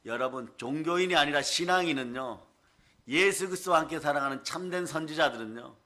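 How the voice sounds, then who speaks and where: A man's voice: fairly high pitch, brisk, sharp tone. A male pastor preaching a sermon in an emphatic, colloquial way, often asking the congregation for responses.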